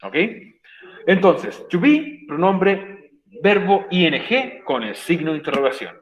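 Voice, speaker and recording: A man with a Chilean Spanish accent teaches an online English class over a computer mic. His voice sits a bit high for a man, he stresses and repeats each rule, and keeps checking in with his students. The sound is roomy and echoey. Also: very animated, slow, lo-fi sound. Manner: repeats points, emphatic, checks in with "ok?".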